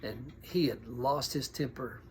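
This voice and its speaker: Man telling animated pastor stories. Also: mid-range voice, unhurried, husky. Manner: animated, acts out quoted voices, drops to a near whisper at tense moments. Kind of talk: storytelling monologue.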